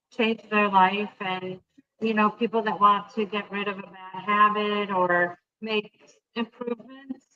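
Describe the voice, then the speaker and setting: A woman who works as a hypnotist answers interview questions casually as a guest, with many hesitant ums. Her medium-pitched voice keeps cutting in and out over a remote call line, and the recording is muffled.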